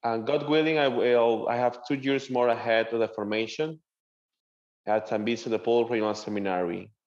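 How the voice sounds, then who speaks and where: A young seminarian from Venezuela, a native Spanish speaker, answers interview questions as a guest in earnest, halting English with a Venezuelan Spanish accent. His mid-range voice is steady and a little mellow, and the sound is lo-fi.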